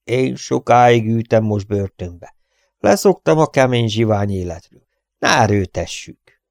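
A man's voice: fairly low pitch, sing-song, darkish tone, no echo, clean studio sound. A man voicing an old, wheezing former actor turned bandit, who speaks with pompous theatrical pathos. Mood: weary. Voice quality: wheezy, rasping.

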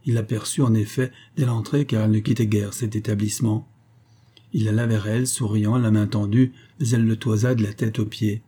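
A man reading a classic novel aloud in a steady, measured narration. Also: fairly low pitch, breathy edge. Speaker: audiobook narrator.

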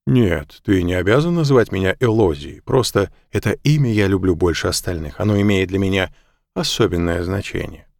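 A man's voice: deep voice, a little fast, vocal fry, darkish tone, dry recording, studio quality. A man voicing a cheerful, playful motherly woman who works as housekeeper and cook in an audiobook. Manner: playful, laughing.

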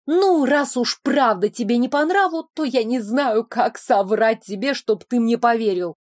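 A woman reading an audiobook, voicing a defiant young heroine from another world who talks quickly and sharply. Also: fairly high pitch, no room sound, studio quality. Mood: hurt.

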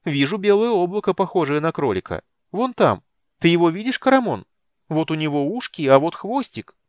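A man voicing a small, cheerful, curious male kender in an audiobook, squeaky and chattery. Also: sing-song, moderate pace, dry recording, studio quality. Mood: eager.

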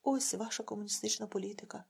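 Lady reading an angry worked-up village party guy, husky voice. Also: medium pitch, fast. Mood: defiant farewell. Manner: excited, fierce. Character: defiant male village party organizer, agitated.

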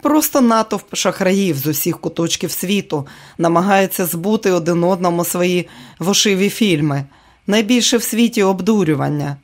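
A man's voice: sits high, normal speed. A male audiobook reader voicing a tired, wry aging comedian speaking to his wife. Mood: weary. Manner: weary, wry. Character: tired aging man, famous comedian, joking husband. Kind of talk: audiobook character reading.

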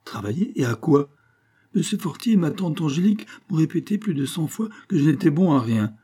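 A man's voice: on the high side, very animated, fairly quick, warm tone, husky, pitched above the performer's own voice. A man reading an audiobook, voicing a plaintive, hungry young student in despair. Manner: plaintive, dismayed.

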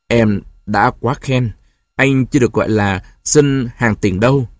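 A man voicing a calm, sardonic husband in his forties. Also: mid-range voice, unhurried, dry recording, clean studio sound, natural voice. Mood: cool. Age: 40s. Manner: cool, mocking, then gentle with his child.

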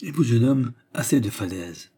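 A man voicing a coarse, scheming middle-aged male estate steward in a gruff, blustering manner. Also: mid-range voice, lively intonation, normal speed, mellow.

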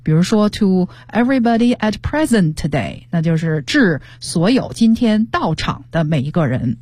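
Low-pitched, slightly husky woman teaching. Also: sing-song, moderate pace, a little mellow, dry recording. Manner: patient, explanatory, mixes English examples into Mandarin. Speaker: guest English teacher. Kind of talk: radio English lesson, explaining vocabulary. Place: radio studio. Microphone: studio microphone.

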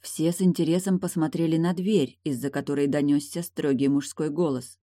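Brief: low female audiobook narrator, steady, dry studio. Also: moderate pace, no echo.

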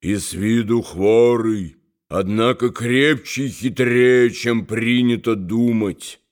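A man reading as an old monk, scornful, measured, very slow, steady pitch. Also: natural voice. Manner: slow and measured, slightly lower. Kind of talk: audiobook reading.

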